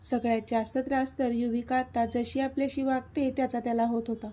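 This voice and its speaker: A woman narrating a serialized romance story in a steady, gentle reading manner. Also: a little high, a little fast.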